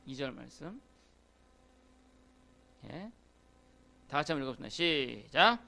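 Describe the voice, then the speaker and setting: A man's voice: a little high, sing-song, unhurried, gravelly, pushed and bright. A male pastor preaching a sermon in a church, talking conversationally and often calling out to the congregation. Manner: conversational preaching with frequent call-outs to the congregation. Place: church sanctuary.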